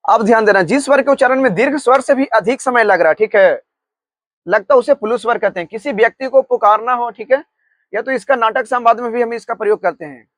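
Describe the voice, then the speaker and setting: A high-pitched male teacher from Bihar explains grammar in a patient classroom manner. He repeats a quick check-in after nearly every line and slows to dictate notes word by word. The sound is dry and close, with no room echo. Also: a bit bright. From Bihar, India.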